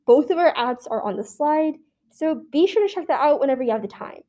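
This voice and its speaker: Mellow, high-voiced teen girl presenting. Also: lively intonation, a little fast. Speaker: student presenter. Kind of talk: reading a scripted class presentation.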